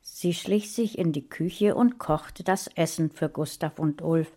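A woman reading a fantasy story aloud in a calm, even way. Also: deep voice, measured pace. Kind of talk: audiobook narration.

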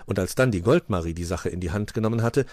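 A male narrator with a lowish voice reads a rhyming children's animal story aloud at a fast pace, giving each creature its own voice. He's a lively storyteller, and the studio-quality recording has no echo.

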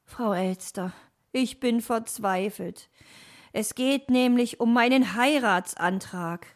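A shy young suitor from a storybook, lovesick and tongue-tied, as a woman reader puts him on. He talks slowly and hesitantly, in a voice close to the reader's own. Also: on the high side, pitched above the performer's own voice. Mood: timid. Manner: timid, hesitant.

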